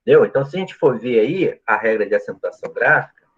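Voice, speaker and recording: A man teaching a live grammar class, talking students through each point and checking often that they follow. His voice is husky and sits at an everyday middle pitch. The stream audio sounds dull and lo-fi. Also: lively intonation, fast. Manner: explanatory, asks frequent checking questions. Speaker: Portuguese teacher. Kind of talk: live online grammar lesson.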